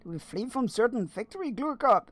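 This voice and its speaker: A man streaming a video game, giving casual, rambling, excitable and sweary commentary as he plays. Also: very high voice, fairly quick. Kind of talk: casual game commentary, reacting and reading along. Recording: loud game music behind. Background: game music.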